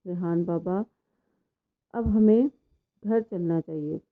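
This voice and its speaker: A woman's voice: on the low side, close to an everyday voice. A woman voicing a loyal, older male household servant who speaks respectfully and with worry; the sound is tinny and phone-like. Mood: worried. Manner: worried, respectful.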